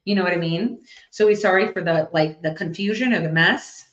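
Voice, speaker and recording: A woman working as a psychic medium, giving a live reading to an audience and thinking out loud as she passes on messages. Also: on the low side, brisk. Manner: chatty, thinks out loud while relaying messages. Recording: echoey, slightly dull recording.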